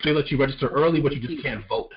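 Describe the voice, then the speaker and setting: A man from Long Island co-hosting a casual podcast, talking in a measured, deliberate way and reading news excerpts aloud. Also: mid-range voice, husky. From Long Island, New York. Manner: measured and deliberate, pausing to restart thoughts. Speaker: podcast co-host. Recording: dull lo-fi podcast audio.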